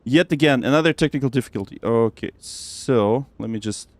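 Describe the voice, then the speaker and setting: A young man with a mid-range voice speaks a little fast, with no room sound, while streaming a flight simulator. Upbeat and chatty, he rambles to his viewers with fillers and talks to himself as he goes, in casual livestream commentary.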